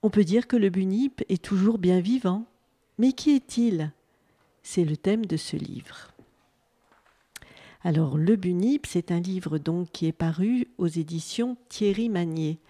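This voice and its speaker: A woman presenting a children's picture book and then reading it aloud with gentle, expressive storytelling. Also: on the low side, a little slow.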